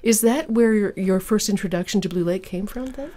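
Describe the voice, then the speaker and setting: A woman works as a public radio host in a radio studio, presenting classical music and interviews. She has a warm, mid-range voice and a measured, conversational announcer's manner.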